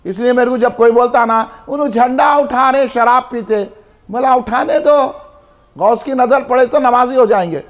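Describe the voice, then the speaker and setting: High-pitched preacher, emphatic. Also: male voice, moderate pace. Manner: emphatic, repetitive rhetorical lists, prompting the crowd to respond. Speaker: preacher at a religious gathering. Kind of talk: devotional sermon. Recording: dull lo-fi event recording.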